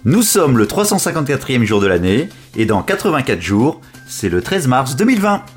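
A man co-hosting a casual tech podcast, teasing his partner with quick deadpan quips. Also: mid-range voice, soft background music. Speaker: podcast co-host.

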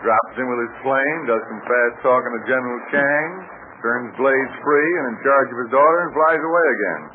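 An actor playing a wisecracking American adventurer and leader in a 1940s radio serial, slangy and breezy, with an American accent. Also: male voice, mid-range voice, fairly quick, close to an everyday voice. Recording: tinny, noisy 1940s radio recording.

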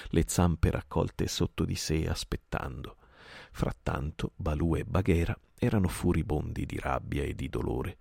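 A man narrating a classic story in a calm, steady night-time reading. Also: a bass voice, creaky, slightly rough, no echo, clean studio sound.

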